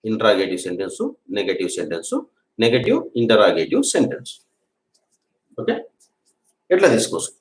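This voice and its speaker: A man teaching a spoken English grammar lesson, patiently repeating example sentences slowly for learners to drill. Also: lowish voice, wildly swooping pitch. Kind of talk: classroom-style grammar lesson. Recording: echoey room.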